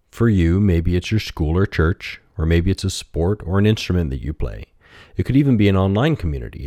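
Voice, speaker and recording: A man with a very deep voice narrates a children's fable and its moral. His delivery is expressive and swings widely in pitch while staying gentle and encouraging. The sound is close and dry, with no room around it. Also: no echo. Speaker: storytelling podcast host.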